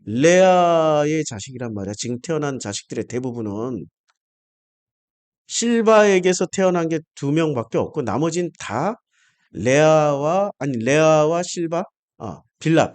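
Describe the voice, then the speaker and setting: A middle-aged man preaching with a high voice that swings up and down all over the place. He is blunt and emotional, pelts his listeners with rhetorical questions and breaks into curses when he gets worked up. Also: a little mellow. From South Korea. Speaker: pastor. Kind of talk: sermon.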